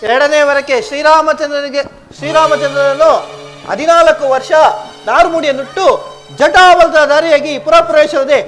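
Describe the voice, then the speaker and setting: A wily old maidservant, played by a man, whispers poison into a queen's ear in a village stage drama. The voice sits very high, insistent and wheedling. Stage music runs steadily underneath. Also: steady tone, moderate pace, fairly bright tone. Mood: scheming. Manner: coaxing, insistent stage declamation. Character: scheming old female maidservant. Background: stage music accompaniment.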